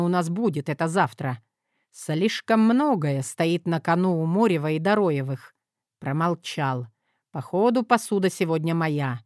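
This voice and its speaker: Low-voiced woman reading an audiobook. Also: no echo, clean studio sound. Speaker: audiobook narrator. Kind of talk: first-person audiobook narration.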